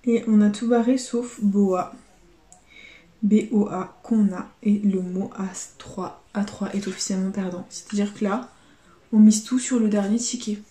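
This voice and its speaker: A young adult woman commenting casually to her viewers as she scratches lottery tickets, spelling out letters and swinging between dread and excitement. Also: mid-range voice, unhurried, echoey room.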